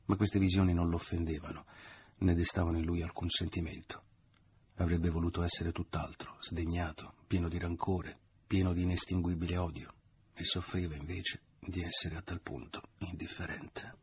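Male audiobook reader, very deep and husky, measured literary narration. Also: flat delivery.

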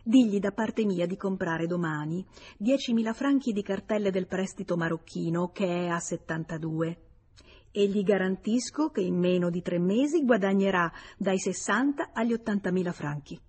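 A woman's voice: mid-range voice, moderate pace, darkish tone, slightly rough, close to an everyday voice. A woman reading an audiobook gives voice to a smug young man, a scheming lover who talks in a confiding, self-assured way. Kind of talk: audiobook character voice.

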